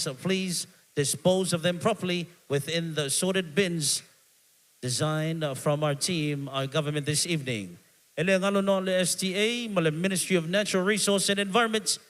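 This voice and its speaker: MC at a live stage show: male, Samoan accent, high voice, rallying announcements to the crowd. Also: a bit bright, rough recording. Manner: hyping the crowd. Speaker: event MC. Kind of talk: live stage announcing, switching between two languages.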